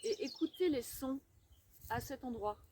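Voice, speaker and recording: A woman with a fairly high voice guides a meditation in short, gently coaxing instructions. She is recorded outdoors, with clear birdsong and environmental noise behind her. Her delivery is unhurried and leaves space between phrases. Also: expressive. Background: birdsong, chirping, environmental noise.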